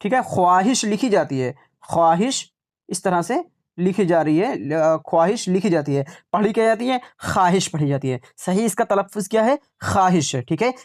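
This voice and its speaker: A man teaching an online Urdu exam class, repeating example words slowly and checking in with "right?" as he explains. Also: sits high.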